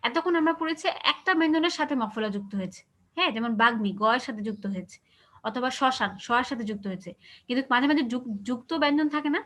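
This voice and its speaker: A woman teacher with a Bangladeshi Bengali accent leads an online class. Her voice sits high and she talks quickly. She explains step by step and keeps asking her students if they understand. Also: lively intonation, a bit bright. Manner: explains patiently, asks checking questions.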